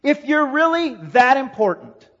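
A man's voice: very high-pitched, sing-song, unhurried, fairly bright tone, voice pushed up, heavily acted. A man voicing a scheming male devil who coaxes and goads in a sermon. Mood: goading. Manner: coaxing, goading. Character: scheming male devil tempting with sly offers. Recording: echoey hall, dull lo-fi sound.

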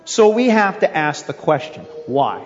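A man's voice: a little high, very animated, unhurried, in a large hall, dull audio, a little hiss or hum. A male pastor preaching a sermon in an earnest way, asking his listeners rhetorical questions. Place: church sanctuary.

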